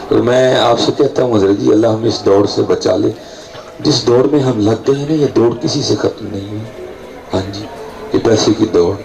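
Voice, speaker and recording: A man's voice: vocal fry, poor audio. A man delivering a devotional sermon to a gathering, telling stories, and checking in with the listeners as he goes. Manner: storytelling, rising pitch for emphasis, frequent "theek hai ji" checks. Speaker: preacher. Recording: crowd heard behind voice. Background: audience at a night gathering.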